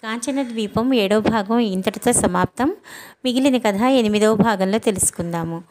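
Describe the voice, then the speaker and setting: A woman narrating a children's adventure story in a steady, plain storytelling way. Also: a little high, normal speed. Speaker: audiobook narrator.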